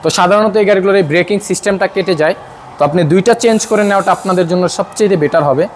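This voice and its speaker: A man's voice: high-pitched, racing, slight background noise. A man with a Bangladeshi accent, a car mechanic explaining a fault while he works, with many filler sounds. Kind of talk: workshop demonstration.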